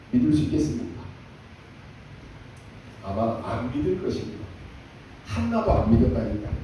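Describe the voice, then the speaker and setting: A man's voice: a little high, a little mellow, a little hiss or hum. A male pastor delivering an emphatic sermon, acting out prayers in a raised voice. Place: church sanctuary. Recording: echoey church hall from far off.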